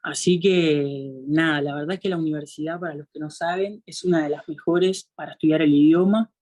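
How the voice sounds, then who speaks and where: A man's voice: fairly high pitch, a little fast. A man in his twenties with a Uruguayan accent, an international student talking casually and loosely with plenty of fillers. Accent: Uruguayan Spanish. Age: 20s. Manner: relaxed and chatty, fillers like "bueno, nada". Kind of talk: casual talk in a webinar.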